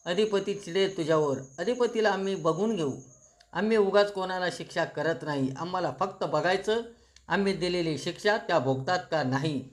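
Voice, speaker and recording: A stern old grandmother who rules the household, as a man puts her on. She speaks slowly and firmly, fully in command. The voice stays high. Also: close to an everyday voice.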